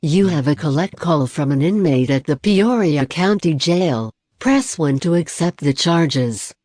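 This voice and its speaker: A man's recorded voice comes through as a collect-call message from a jail phone line. His voice sits a little high and is read as a flat, automated phone prompt. The sound is dry and close, with no room around it. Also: unhurried, dry recording. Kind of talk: prerecorded phone system announcement.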